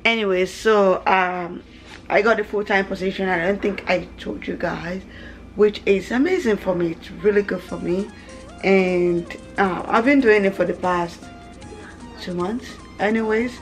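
Here the mother and family vlogger, a woman in her thirties, has a medium-pitched voice and a measured pace. She chats loosely to an arm's-length camera in her small kitchen at home, with repeated words and asides, while soft music plays behind the poor audio.

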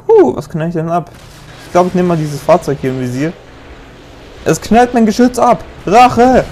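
A young man talks his way through a shooter game in a loose, joking commentary, often breaking into yells at what happens on screen. His voice sits a little high for a man. Faint game noise runs underneath. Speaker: let's play gamer. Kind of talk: casual gameplay commentary.

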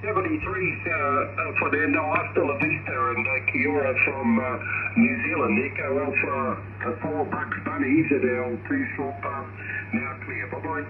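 A ham radio operator chatting in a relaxed, friendly way and spelling out call signs, heard over a shortwave radio link with static. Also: male voice, fairly high pitch, moderate pace. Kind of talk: ham radio contact chat. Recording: tinny, echoey shortwave radio with loud static.

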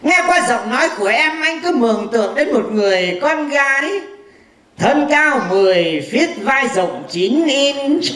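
A man's voice: very high-pitched, very animated, measured pace, bright, forceful tone, echoey room, a little hiss or hum, heavily acted. A man playing a boastful, cheeky blind fortune teller in a comic stage sketch, with a rambling, mocking way of talking. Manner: rambling, mocking, gossipy banter.

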